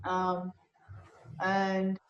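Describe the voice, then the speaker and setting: A woman's voice: medium pitch, completely flat delivery, drawn-out words, roomy sound, dull audio. A woman from Lucia, a guest speaking candidly in casual conversation and often laughing. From Saint Lucia.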